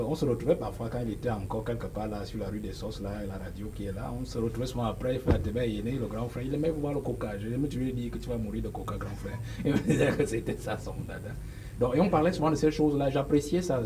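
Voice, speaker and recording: Against a noisy background, a man in his forties with a Cameroonian French accent talks at a quick pace in a mid-range voice. He's a political guest on a small studio set with sofas, wearing a lapel mic, and speaks emphatically with gestures and many hesitations.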